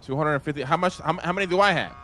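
A man's voice: a little high, racing, sharp tone, slight background noise. A man in a game roleplay who talks brashly and swears, asking pointed, disbelieving questions.

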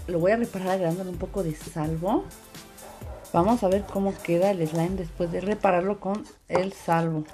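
Female craft tutorial narrator, medium pitch, casual, repeats words for emphasis, light music bed. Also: a little mellow. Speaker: host of a slime craft channel. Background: background music.

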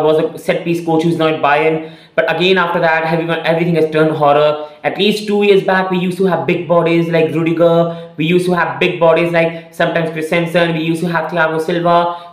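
A man's voice: a little high, echoey room. A young man hosting his football channel, giving opinionated fan analysis to the camera from a small room, with many fillers and restarts. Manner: opinionated, earnest, repeats phrases with many "again" and "uh" fillers.

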